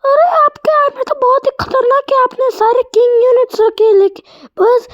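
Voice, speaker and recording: A man voicing a cheeky little cartoon boy who pleads and squeals in a high voice. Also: normal speed, a bit bright, dull audio. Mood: whiny.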